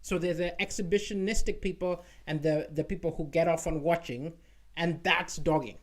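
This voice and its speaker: A man with a notably high-pitched voice, a comedian, rambles casually to an online audience at normal speed with a steady tone, often tagging his lines with "right?".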